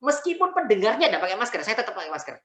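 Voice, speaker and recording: A man's voice: high voice, big pitch swings, racing, sharp tone. Man, preacher, Javanese accent, humorous storytelling, video call from home, roomy echo. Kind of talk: online religious lecture.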